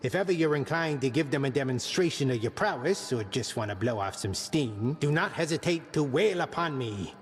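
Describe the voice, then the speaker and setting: A man's voice: medium pitch, animated, moderate pace, hardly any pauses, big-room sound, close to an everyday voice. An actor playing a boastful, theatrical male combat trainer in a video game. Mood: grandiose. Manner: grandiose, theatrical.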